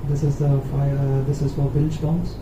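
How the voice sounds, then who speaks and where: A man's voice: mid-range voice, little pitch movement, normal speed. A man giving an informal guided tour of a ship's engine room, naming items tersely in a voice raised over machinery. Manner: terse, item-by-item labelling. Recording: dull, echoey, noisy engine room recording. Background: loud machinery noise.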